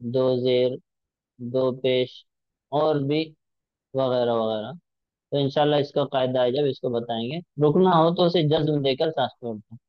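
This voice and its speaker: A man's voice: medium pitch, measured pace, no room sound, lo-fi sound. A male teacher giving a patient recitation lesson, drawing out sounds to demonstrate them.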